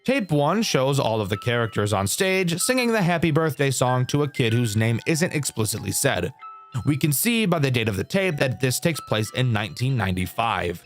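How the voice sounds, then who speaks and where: A young man giving casual game review commentary as a YouTuber, candid and swearing freely. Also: mid-range voice. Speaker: gaming YouTuber.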